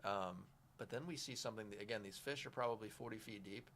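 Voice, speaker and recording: Fast-talking american guy telling fishing stories. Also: on the low side, a little hiss or hum. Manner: fast, excitable storytelling. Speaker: fishing guide. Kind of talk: casual fishing chat.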